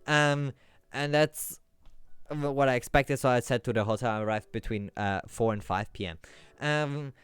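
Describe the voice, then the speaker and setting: A man's voice: mid-range voice, moderate pace, clean tone, no echo. A man streaming live, telling a rambling story to his chat with lots of restarts that builds up as he goes. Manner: rambling, with many restarts, growing more worked up.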